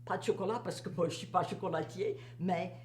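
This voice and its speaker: A woman's voice: lowish voice, a little fast, a little mellow. Older woman with Cajun French accent, echoey room. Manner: repeats phrases for emphasis, mixes in English words. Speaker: interviewee, teacher recalling a career. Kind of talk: casual reminiscing conversation. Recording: echoey room, faint hum and noise.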